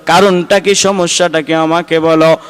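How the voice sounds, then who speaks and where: A man's voice: a little high, level tone, normal speed, smooth, close to an everyday voice. A preacher voicing a cruel, arrogant pharaoh king who issues threats, in a hall with long reverb. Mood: menacing. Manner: threatening, commanding. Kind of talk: sermon storytelling.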